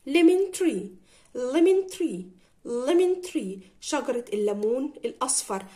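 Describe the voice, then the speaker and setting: A woman with an Egyptian Arabic accent teaches English words to children in a fairly high voice. She repeats each word slowly and clearly, as in a vocabulary drill. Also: big pitch swings, warm tone.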